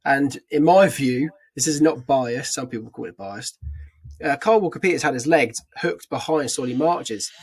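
A young man co-hosting a casual football podcast, an animated, excitable storyteller. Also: mid-range voice, moderate pace, slightly rough. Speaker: podcast co-host. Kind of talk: casual chat.

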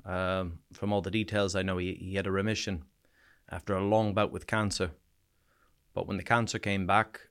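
Speaking as a podcast guest, a returned soldier from small-town New Brunswick recounts his experiences in a frank, halting personal interview. His Canadian accent has a touch of Irish-sounding twang, and his lowish voice sounds fairly bright and clean.

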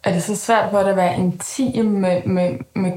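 A woman's voice: medium pitch, fairly even intonation, mellow, roomy sound. A woman interviewing a guest, asking probing follow-up questions. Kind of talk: conversational interview.

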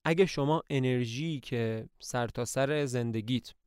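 A man's voice: mid-range voice, darkish tone, clean tone, no room sound, studio quality, close to an everyday voice. A man reading the lines of a young male eternal student who lectures and mocks, in a lofty tone. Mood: lecturing.

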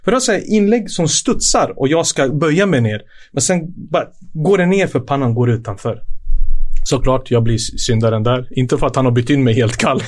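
A middle-aged man, a former footballer, telling casual stories as a podcast guest, acting out quotes and laughing often. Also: mid-range voice. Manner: lively storyteller, acts out quotes, laughs often. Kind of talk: casual anecdotal storytelling.

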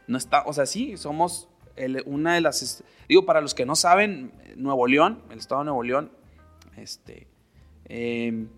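A man's voice: medium pitch, a little slow, a bit bright, faint music behind. A man from Monterrey, Mexico, with a northern Mexican accent, hosting a casual solo podcast, opinionated and chatty, laughing often and mimicking people. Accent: Monterrey Mexican Spanish. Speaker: podcast host.

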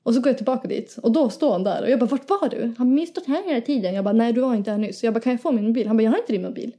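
A young woman, hosting a podcast and telling an animated story in casual chat, acting out quotes and laughing often. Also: on the high side. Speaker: podcast host.

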